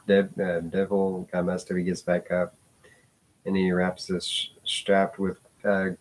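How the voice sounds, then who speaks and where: A man with a deep, low-pitched voice talks his way through a casual vlog. He rambles and restarts, hunting for words, and drops in the occasional curse. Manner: rambling, hesitant, with many fillers and restarts; swears casually. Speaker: vlogger.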